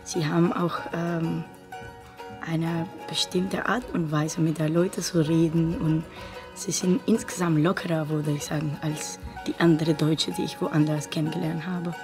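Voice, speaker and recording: A young woman from Mexico, an international student, talking in an animated way. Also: low-pitched, unhurried. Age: young adult. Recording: music clearly underneath.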